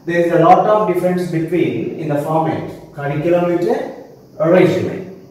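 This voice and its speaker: A man's voice: fairly high pitch, moderate pace, darkish tone. A man with a Telangana Indian English accent giving an online English lesson, asking and answering his own questions and repeating definitions. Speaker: English teacher. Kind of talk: online class lecture. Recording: very echoey room, mic far off.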